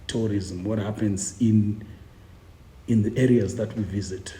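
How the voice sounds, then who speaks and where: A Zimbabwean tour guide and author in his forties talks casually in an interview, his voice low-ish and dark with fairly even intonation and a measured pace. He's chatty and jokey, often repeating words as he searches for what comes next, and the room adds a noticeable echo.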